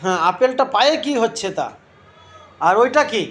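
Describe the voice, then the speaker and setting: A woman playing with her toddler at home, asking simple questions again and again and gently scolding with tutting sounds. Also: a little high, expressive, moderate pace, a little hiss or hum. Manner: repeats simple questions over and over. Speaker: parent filming her toddler. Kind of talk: playful coaxing talk to a toddler.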